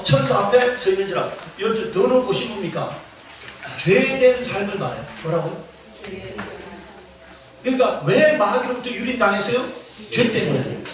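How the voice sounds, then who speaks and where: A man's voice: sits high, slight background noise. A man preaching a sermon as pastor, quizzing the congregation and repeating key phrases with emphasis. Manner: call-and-response questioning of the congregation. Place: church sanctuary. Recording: very echoey church hall, mic at a distance.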